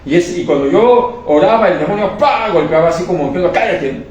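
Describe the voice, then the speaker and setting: Man, emotional religious testimony, fervent, repetitive, halting restarts, distant mic, very echoey room. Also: high-pitched, animated, darkish tone, dull audio. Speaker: testimony speaker.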